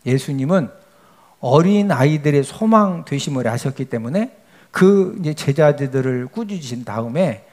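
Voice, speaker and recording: A man's voice: a little high, animated, normal speed, darkish tone. A male pastor preaching a sermon, often asking the congregation questions and answering them himself, with frequent emphatic checks to the listeners.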